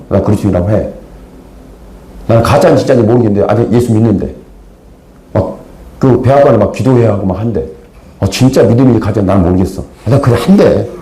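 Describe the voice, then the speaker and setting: A male pastor preaching a Sunday sermon, telling a story with acted-out voices and sudden loud bursts. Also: mid-range voice. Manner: animated storytelling, acts out characters, sudden loud outbursts. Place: church sanctuary. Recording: echoey church hall.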